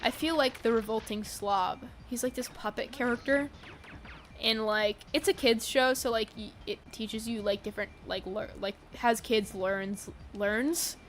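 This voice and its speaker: Tired gamer girl rambling on stream, kinda high voice, lots of likes and ums, faint hum behind her. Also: unhurried. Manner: rambling, giggly, with many fillers. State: tired and yawning. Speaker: game streamer. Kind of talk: casual stream chat.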